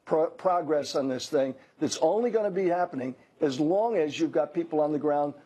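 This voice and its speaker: Speaking at a normal pace in a high-leaning, mellow voice, the older guest on this news interview is blunt and emphatic, often correcting himself and starting over. The recording quality is low.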